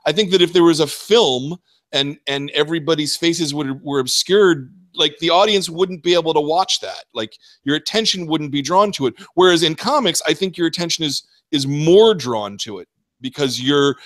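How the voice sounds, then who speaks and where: A man hosting a book club discussion, musing in a halting way and repeating words as he thinks. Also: on the high side, fairly bright tone. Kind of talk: casual discussion.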